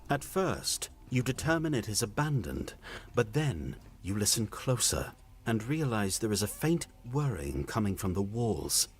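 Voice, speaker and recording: Low-voiced man reading a game story. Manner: expressive, storytelling delivery. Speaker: game narrator. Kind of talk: reading story text aloud.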